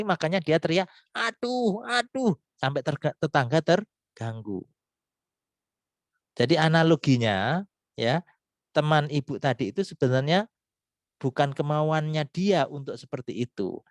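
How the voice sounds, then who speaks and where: A man's voice: medium pitch, no echo. Dry-voiced man explaining patiently. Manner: explains patiently with frequent "ya" tags; acts out little scenes in quoted voices. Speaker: speaker answering audience questions. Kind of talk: explanatory webinar talk.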